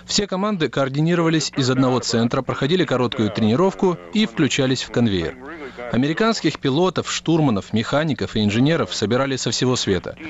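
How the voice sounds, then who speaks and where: A man reading a scripted radio documentary narration in a steady, clear way. The sound is a slightly muffled radio broadcast. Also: mid-range voice, quick pace. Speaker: radio program reader.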